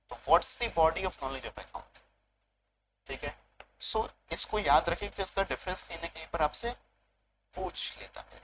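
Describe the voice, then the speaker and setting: Guy teaching accounts, keeps asking the class stuff then answers it, hindi english mix, noisy background. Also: on the high side. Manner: asks students questions and answers them himself; switches between Hindi and English mid-sentence. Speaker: commerce teacher. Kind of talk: online exam revision lecture.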